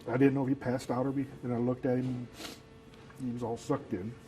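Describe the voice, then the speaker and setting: A man, telling his story in an interview in a halting, soft-spoken way, filling his talk with "you know.". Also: mid-range voice, level tone, soft background music, poor audio. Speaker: actor who works as Santa, telling his story.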